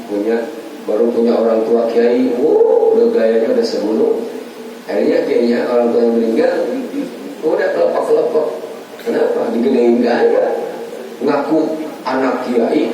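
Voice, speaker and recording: A man's voice: mid-range voice, warm tone, slight background noise. A man teaching a class on Quran commentary in a colloquial way. He asks and answers his own questions and acts out the speech of the people he describes. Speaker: religious teacher. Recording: very echoey room, distant mic, faint ambience.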